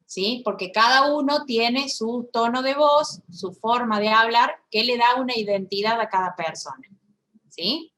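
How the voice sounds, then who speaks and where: A woman who gives voice to a signed lecture in first person. She talks haltingly, with restarts and frequent checks for agreement. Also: on the high side, fairly bright tone. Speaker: sign language voice interpreter.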